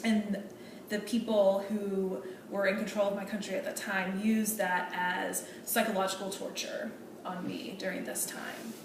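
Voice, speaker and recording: Playing an earnest female medical student in a role-play meeting, a woman talks politely and hesitantly, with many fillers and restarts. Her natural voice is medium-pitched, flat in delivery and measured in pace. The audio comes from a distant mic in an echoey room and is noisy.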